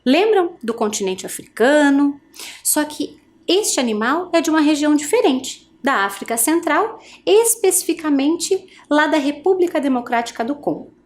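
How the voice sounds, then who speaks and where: Professora com entonação bem expressiva. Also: female voice, high voice. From Brazil. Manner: slow, expressive, exaggerated question intonation, addresses students directly. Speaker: teacher. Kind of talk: adult education video lesson.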